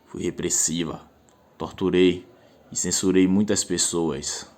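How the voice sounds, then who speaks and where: A man's voice: low voice, steady tone, slow pace, a little mellow. A man playing Violence as a cold, boastful torturer in a radio drama, declarative and unrepentant. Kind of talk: theatrical radio drama monologue.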